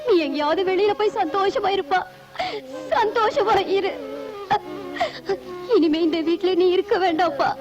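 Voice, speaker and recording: A woman's voice: very high voice, quick pace, hardly any pauses. An actress dubbing a tearful mother who is crying as she sends her young son away. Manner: tearful, pleading. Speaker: dubbing actor. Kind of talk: dubbed film acting. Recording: muffled film soundtrack with loud music.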